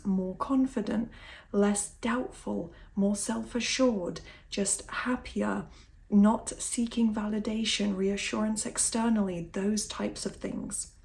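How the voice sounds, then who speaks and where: Mellow-voiced woman giving an ASMR talk. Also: medium pitch. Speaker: ASMR video host. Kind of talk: soft-spoken ASMR motivational talk.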